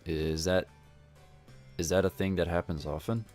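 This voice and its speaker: A man's voice: sits low, fairly even intonation, normal speed, a little mellow, faint music behind, pitched below the performer's own voice, close to an everyday voice. A man voicing a young male new resort worker who asks hesitant, awkward questions.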